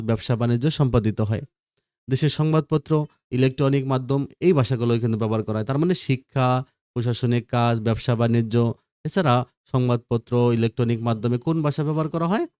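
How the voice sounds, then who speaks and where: A man's voice: medium pitch, fairly quick, darkish tone, clean tone, no room sound, clean studio sound. A man teaching a school grammar lesson, repeating key points and asking questions that he answers himself. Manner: asks the class questions and answers them himself. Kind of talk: recorded video lesson.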